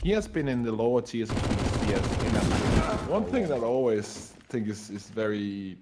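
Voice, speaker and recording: A man with a deep, husky voice co-commentating esports over an online voice call, analysing play in a hesitant, conversational way. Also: animated, normal speed. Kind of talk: live esports commentary and banter. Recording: noisy voice chat with clicks, gunfire.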